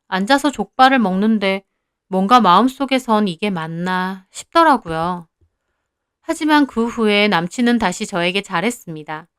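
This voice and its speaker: A young woman narrating her own story in the first person, in an even, confiding way. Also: medium pitch, normal speed, smooth, no echo, clean studio sound.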